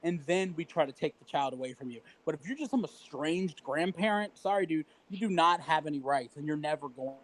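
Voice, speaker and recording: Man ranting in a high voice. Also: animated, brisk, few pauses, low-quality recording. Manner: profane, heated ranting with mocking quotes. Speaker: livestream co-host. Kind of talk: casual livestream chat.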